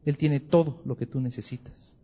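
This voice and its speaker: A man's voice: mid-range voice, moderate pace. A man teaching a Bible class with humor, acting out little scenes. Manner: humorous, lively, acts out scenes. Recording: dull lo-fi recording in a reverberant hall.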